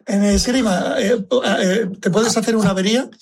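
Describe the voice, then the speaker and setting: A man's voice: high voice, fairly even intonation, fairly quick, darkish tone, slightly rough. A man hosting a radio interview, joking and stammering over repeated words. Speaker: radio host. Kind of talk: lively radio interview chat. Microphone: studio microphone.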